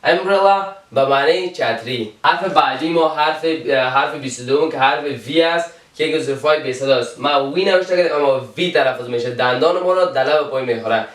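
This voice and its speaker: Male teacher with an Afghan Dari accent, slightly high, patient and repetitive, mic set back in an echoey room. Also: fairly bright tone. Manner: slow, repeats each example word. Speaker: English teacher. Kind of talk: alphabet pronunciation lesson. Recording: roomy, from a distance.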